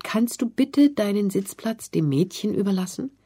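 A woman reading the part of a kind, helpful young woman who speaks gently in a storybook. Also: medium pitch, expressive, normal speed, slightly rough, no room sound, studio quality, voice pushed up. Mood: friendly. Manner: friendly and gentle.

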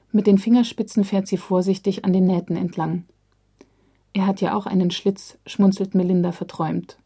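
A woman reads a story aloud in a calm, even manner. Her voice is dark and mellow, with a slightly husky edge. She speaks the dialogue quietly. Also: mid-range voice. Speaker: narrator. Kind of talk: audiobook reading.

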